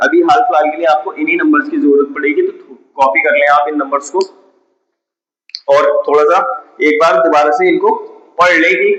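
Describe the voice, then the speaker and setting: A man with a somewhat high, slightly bright voice teaches a math lesson step by step, often posing questions to his students and answering them himself. The recording has an echoey room and a dull lo-fi sound.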